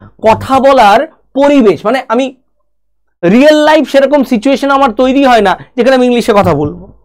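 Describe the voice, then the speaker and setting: A woman's voice: high voice, moderate pace, darkish tone. Bengali accented woman teacher talking straight to you about english problems, one by one. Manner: direct, talks to the viewer as "you", lists problems one by one. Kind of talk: spoken lesson to students.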